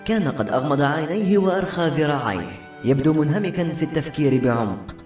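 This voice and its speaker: A man narrating a novel as an audiobook, in an expressive storytelling manner. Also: on the high side, fast talker. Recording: roomy echo with soft music.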